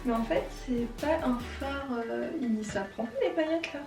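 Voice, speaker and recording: A woman's voice: sits high, normal speed, vocal fry, echoey room, distant mic, over music. A chatty French woman with a French accent, talking through a makeup tutorial and explaining each step with self-deprecating asides. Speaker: beauty vlogger.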